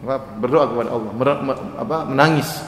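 Brief: male preacher, rapid animated sermon delivery, recorded in a reverberant hall with faint background noise. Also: mid-range voice. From Indonesia. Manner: fast, animated preaching with mocking sing-song prayer imitations. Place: lecture hall with audience.

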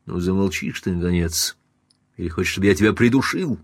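A man reading an audiobook and voicing a powerful, angry man who barks orders in a hoarse voice. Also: sits low, fairly quick, dry recording, studio quality. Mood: commanding anger. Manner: barking orders. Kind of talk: audiobook character voice.

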